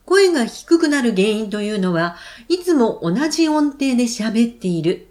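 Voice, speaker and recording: A woman leading vocal exercises, giving calm, clear and encouraging instructions. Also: fairly high pitch, moderate pace. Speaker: voice trainer.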